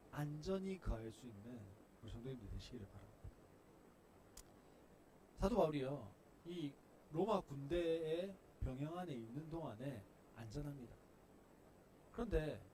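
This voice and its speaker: Lively, emphatic male pastor preaching. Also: fairly high pitch, slight background noise. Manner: emphatic, swings between soft asides and loud acted outbursts. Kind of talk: sermon.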